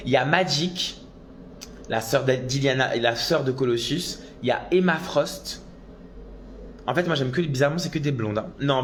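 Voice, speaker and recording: A drag performer chats on a casual phone live stream, responding to viewer comments as they arrive. Excitable and talkative, he sometimes breaks into loud exclamations, his voice at an ordinary middle male pitch. There's slight background noise.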